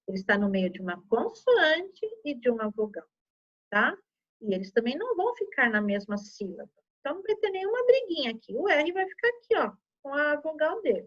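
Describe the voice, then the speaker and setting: A woman's voice: sits high, dull audio. A woman teaching children a lesson, patiently explaining step by step and checking in often. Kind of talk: online Portuguese lesson for children.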